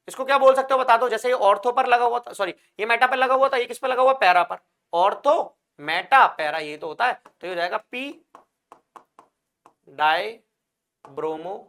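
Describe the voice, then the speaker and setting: A man's voice: extremely high pitch, sharp tone. A male chemistry teacher giving an exam-prep lecture, asking questions and answering them himself, calling his students brother, and using jokey wordplay to make things stick. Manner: calls students brother and child; jokey memory tricks with wordplay.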